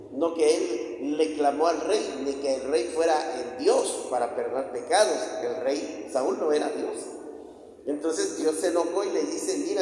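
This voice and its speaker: A man preaching a sermon with emphatic swings in pitch and loudness. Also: slight background noise. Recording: very echoey hall with long reverb.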